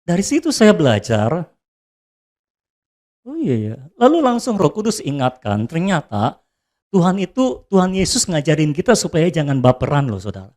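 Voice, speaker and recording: A male pastor delivers a sermon with a lively, swooping pitch that climbs high when he acts out pleading prayers. He jokes with the congregation and dramatizes quotes in his own voice. His delivery is expressive and animated. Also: moderate pace.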